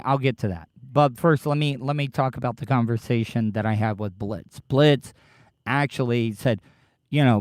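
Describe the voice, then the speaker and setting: A man hosting a casual livestream, talking haltingly and defensively with profanity, his speech slightly slurred as if his lip is full of dip. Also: mid-range voice, darkish tone, smooth, no room sound, clean studio sound. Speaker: podcast livestream host. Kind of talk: casual livestream chat, answering live commenters.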